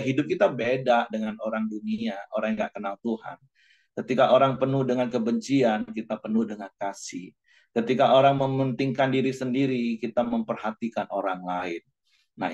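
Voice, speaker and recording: A man preaching a sermon in a relaxed, chatty way, talking straight to his congregation. His voice sits at an ordinary middle pitch. The recording sounds a little dull and lo-fi. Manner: conversational preaching, informal asides, sings a worship line. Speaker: pastor.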